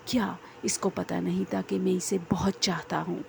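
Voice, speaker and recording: A possessive young jinn man speaks with an intense, threatening voice, as a woman narrator voices him. He sounds gravelly and dark. A faint hiss lies beneath the recording. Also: lowish voice, little pitch movement. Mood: obsessive. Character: obsessive young male jinn, possessive and menacing.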